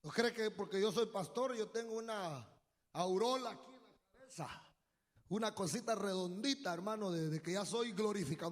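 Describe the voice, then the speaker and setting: A man preaching a fervent sermon as pastor, calling out to the congregation, shouting and drawing out his phrases. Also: high-pitched, big-room sound. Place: church.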